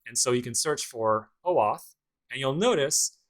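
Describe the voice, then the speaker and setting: Walking through a programming course one step at a time, this instructor delivers a casual screencast tutorial peppered with dry sarcasm. His mid-range voice is animated and measured in pace, and the recording is rough.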